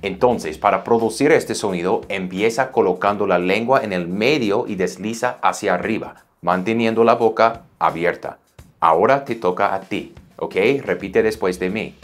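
Male pronunciation teacher, very low voice, slow and patient drills over soft background music. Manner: patient, drills words slowly for learners to repeat. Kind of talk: online language lesson.

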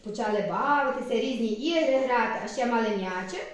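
A woman's voice: on the high side, brisk, far from the mic, crowd noise. A woman telling a puppet-theater story to a small child, with sing-song, coaxing questions. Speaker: kindergarten teacher. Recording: very echoey room.

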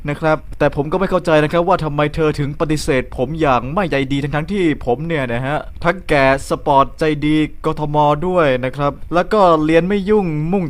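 A young man doing a crude comedy monologue, with mock-polite, deadpan delivery. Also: a little high. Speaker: comedy vlogger.

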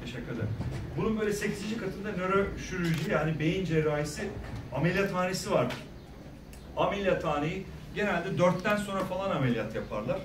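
A middle-aged man speaking as a guest at a school career day, telling stories in a lively way and acting out the people he quotes. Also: sits high, fast talker, noisy background. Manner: animated, acts out quoted voices, jokes with the audience. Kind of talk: lively storytelling talk to students. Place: large echoey school hall. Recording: echoey hall, speaker far from mic.

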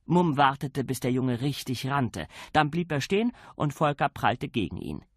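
A man narrating an audiobook in a measured, wry storytelling manner. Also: medium pitch, very animated, no room sound, clean studio sound.

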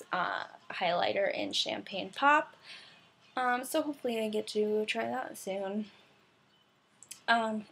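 A woman's voice: mid-range voice, creaky, fairly bright tone, slightly rough. A young woman chatting casually through a makeup product review, with lots of ums and little laughs. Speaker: beauty vlogger.

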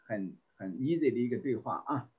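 A man teaching a volunteer English class over an online call. He reads phrases slowly and repeats them, with many fillers and throat clearing. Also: mid-range voice, dull audio.

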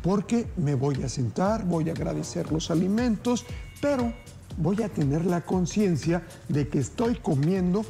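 A man's voice: high voice, expressive, unhurried, vocal fry, over music. A man in his forties hosting a TV cooking show from a studio kitchen, chatting upbeat and folksy to viewers as family. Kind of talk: TV cooking segment, addressing viewers. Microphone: lapel mic.

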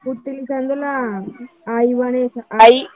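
A woman's voice: high-pitched, steady tone, unhurried, darkish tone, dull audio. A woman student answering her teacher in an online class, unsure and hesitant.

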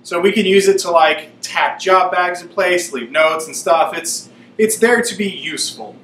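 A man's voice: sits high, normal speed, a bit bright, slight background noise. A man in his thirties, a shop owner, chatting upbeat in a casual how-to vlog as he works on his shop and explains each step. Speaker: shop owner filming a renovation. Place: shop workroom with low ceiling, indoors. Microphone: on-camera mic, camera at arm's length or set on a stand. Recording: roomy echo.

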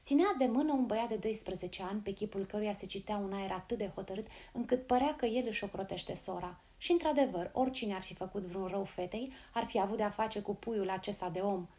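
A woman reads a classic novel aloud in a steady, clear storytelling manner. Her voice has a mellow, warm tone at a middle pitch. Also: hardly any pauses. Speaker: audiobook reader.

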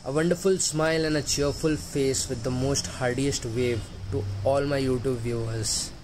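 A man speaks in an excited, emphatic vlog voice-over with a mid-range pitch. A steady hum of air conditioning runs beneath his voice. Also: normal speed, poor audio. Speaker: vlogger.

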